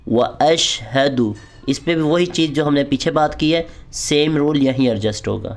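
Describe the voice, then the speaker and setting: Clear-voiced male recitation teacher, slightly high. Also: expressive. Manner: explains slowly, then recites drawn-out model lines for repetition. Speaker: Quran and prayer recitation teacher. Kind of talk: online recitation lesson. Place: indoors, online lesson.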